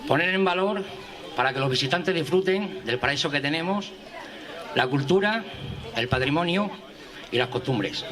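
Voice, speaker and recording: A man's voice: fairly high pitch, lively intonation, normal speed, pauses often. A man with an accent from Spain giving a public welcome speech outdoors at a village event. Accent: Spanish from Spain. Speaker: event speaker. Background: light crowd.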